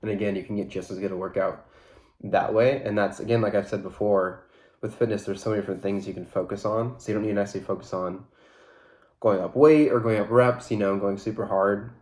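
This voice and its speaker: On his solo fitness podcast, the male host rambles along at a quick pace in a loose, relaxed style packed with fillers. His voice is lowish and congested, clearly from a blocked nose, and the recording has a roomy sound.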